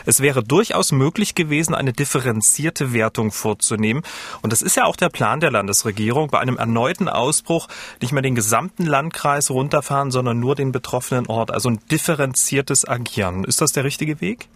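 A man in the role of interviewer sets out the background for each question. He then asks his guest pointed follow-up questions in a plain, even voice. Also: mid-range voice, a little fast, breathy edge.

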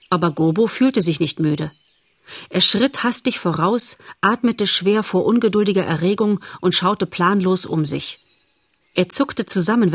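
A woman narrating a children's animal story in a calm, measured audiobook style. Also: fairly low pitch, husky, no room sound.

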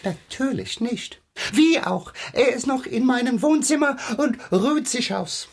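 A woman's voice: a little high, lively intonation, unhurried, darkish tone, husky, heavily acted. A shifty lady with a fake English accent. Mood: evasive. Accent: put-on English accent in German. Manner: evasive, stammering, overly sweet. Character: shifty woman neighbour faking an English accent. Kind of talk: children's audio drama acting.

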